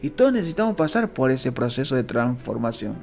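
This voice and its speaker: A man with a Rioplatense Spanish accent teaching the Bible in a fervent, emotional sermon that swings between low and high pitch. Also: sing-song, brisk, gravelly, a little mellow.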